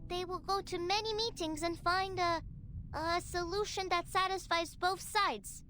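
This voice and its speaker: A woman voicing an earnest, trusting little child in game dialogue, speaking slowly and carefully. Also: very high voice, steady tone, sharp tone, full character voice. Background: game music.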